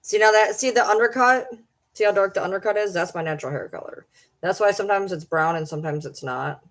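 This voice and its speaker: A woman in her forties talks casually to her viewers on a live stream. She rambles a little and answers comments as they come in. Her voice sits at an ordinary middle pitch, heard through a webcam mic. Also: fast talker. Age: 40s. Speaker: livestreamer.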